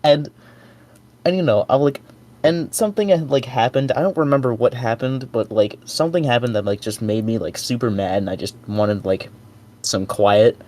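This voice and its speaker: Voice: medium pitch, moderate pace, a little mellow. A podcast guest telling a heated, profane personal story in a casual chat.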